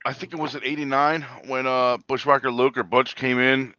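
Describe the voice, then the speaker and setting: A man in a casual group chat about wrestling, an excitable storyteller who swears freely. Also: mid-range voice, fairly quick, no echo, muffled recording.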